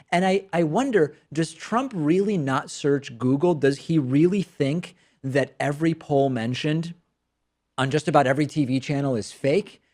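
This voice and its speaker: Hosting a political commentary show, a man with a slightly high, darkish voice speaks in a sardonic, incredulous, emphatic way and also reads a sponsor ad. He came from a Spanish-speaking country, grew up in the United States from childhood, and speaks English as a second language after Spanish.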